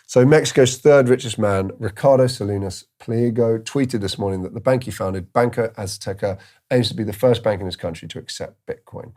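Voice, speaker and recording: Man, crypto video host, casual commentary, mellow tone, fillers and restarts. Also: fairly low pitch, a little fast. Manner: thinking aloud with restarts and fillers. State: tired, yawning.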